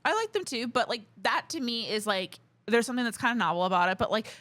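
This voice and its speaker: A young woman co-hosts a podcast in loose, animated chat, swearing freely and breaking into laughter. Her voice sits a bit high and swings widely, with a bright, forceful edge. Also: quick pace. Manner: animated, profane, laughs often. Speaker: podcast co-host. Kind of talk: casual chat.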